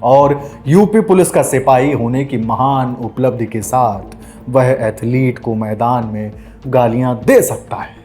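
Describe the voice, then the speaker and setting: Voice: mid-range voice, a little slow, warm tone, faint music behind. A narrator delivering a dramatic, scornful scripted passage. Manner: rhetorical, scornful.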